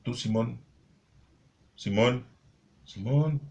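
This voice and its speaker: A man doing Jesus, a calm, probing teacher. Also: medium pitch, extremely slow, gravelly. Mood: quiet questioning.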